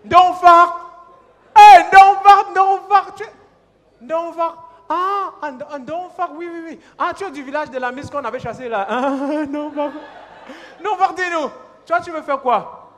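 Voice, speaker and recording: A blunt, mocking schoolteacher, as a Cameroonian comedian puts him on, loud and teasing, with a very high voice in a Cameroonian French accent. He rings out through a hall with a long reverb. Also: a little slow. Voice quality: loud, teasing, calls pupils by name. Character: blunt mocking male primary school teacher. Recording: live stand-up stage, long hall reverb.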